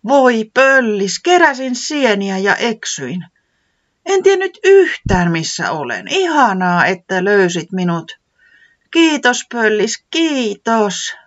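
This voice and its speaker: A storyteller voicing a timid lost woolly forest creature with a high, childlike, trembling voice. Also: lively intonation, few pauses, sharp tone, husky, lo-fi sound. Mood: relieved.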